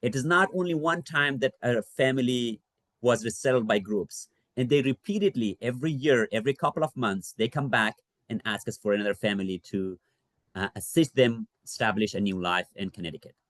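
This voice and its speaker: A man's voice: mid-range voice, a bit bright, dry recording. Earnest man from Afghanistan presenting. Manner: earnest, measured, with frequent fillers. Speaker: refugee services associate director. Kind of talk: library presentation.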